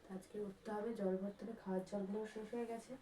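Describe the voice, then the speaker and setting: A woman's voice: mid-range voice, fairly even intonation, racing, mellow, far from the mic, a little hiss or hum. A woman casually narrating her day at home for a vlog, chatty and rambling, talking straight to her viewers. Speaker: vlogger. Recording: echoey room.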